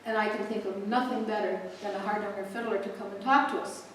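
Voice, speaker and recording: A woman's voice: medium pitch, steady tone, fast talker, a little hiss or hum. A woman in her older years hosting a community cultural event, welcoming the audience in a chatty, joking way full of asides before introducing the speaker. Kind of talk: casual welcome speech to a live audience. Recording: echoey room picked up from a distance.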